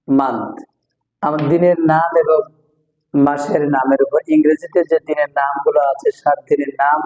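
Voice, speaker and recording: A man giving a slow, step-by-step language lesson, repeating words syllable by syllable. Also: a little high, dark tone. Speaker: English teacher. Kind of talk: slow recorded lecture. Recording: echoey room with long reverb.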